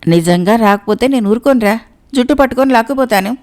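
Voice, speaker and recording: A woman's voice: a little high, fast, darkish tone, close to an everyday voice. Comic storybook role: a blustering man who bosses his timid friend, voiced by a woman storyteller. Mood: bossy. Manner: bossy and blustering. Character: bossy, blustering male porter.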